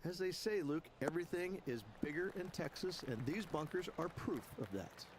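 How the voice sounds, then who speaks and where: A man giving measured, explanatory colour commentary in a golf video game. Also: fairly high pitch, animated, slight background noise, lightly acted. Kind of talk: sports commentary.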